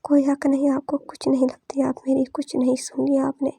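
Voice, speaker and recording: A woman doing a fiery young woman from a storybook, defiant and scolding. She sounds high yet dark-toned and gravelly, with a husky edge. The recording is dry and close. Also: completely flat delivery, normal speed, no room sound. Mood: furious. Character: angry, sharp-tongued young woman.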